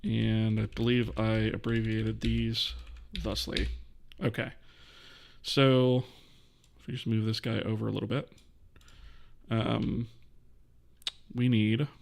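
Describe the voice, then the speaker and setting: A man with a gravelly, creaky edge to his voice hosts a casual live-coding stream. He talks through his code as he goes and stops to answer viewers' questions in a relaxed way. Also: mid-range voice. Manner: thinks aloud while coding, answers chat questions.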